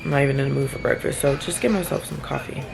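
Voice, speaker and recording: A woman's voice: very deep voice, very fast, gravelly, crowd noise. A tired young woman vlogging about her weekend as a single mom, chatty and rambling with small self-deprecating laughs. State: tired, yawning. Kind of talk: casual vlog narration. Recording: music playing underneath.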